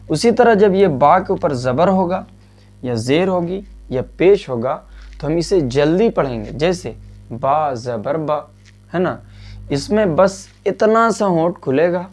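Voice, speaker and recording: A man teaching a Quran reading lesson, patiently asking questions and answering them himself, and drilling letter sounds slowly. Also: a little high, a little mellow. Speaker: religious teacher.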